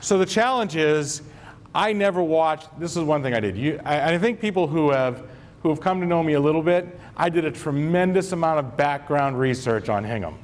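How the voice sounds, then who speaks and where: Speaking fairly high with lively intonation at a moderate pace, this Maine school superintendent gives his staff a convocation talk full of jokes and self-mockery. The audience is live, in a large hall. There's a bit of hiss or hum in the recording.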